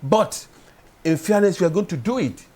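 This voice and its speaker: Measured male analyst. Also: high voice, lively intonation, a little mellow. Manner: measured, explanatory, building to emphatic points. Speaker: public affairs analyst guest. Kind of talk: studio discussion. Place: TV studio.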